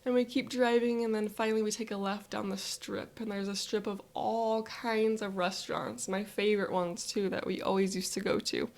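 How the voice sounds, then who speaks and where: A woman leading a guided visualization, telling a first-person scene in the present tense in an upbeat, vivid, unhurried way. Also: medium pitch, steady tone, vocal fry, darkish tone.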